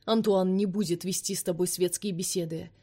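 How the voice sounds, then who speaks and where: A woman voicing a fierce, scornful vampire man in an audiobook, speaking forcefully and commandingly. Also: lowish voice, steady tone, brisk. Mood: harsh.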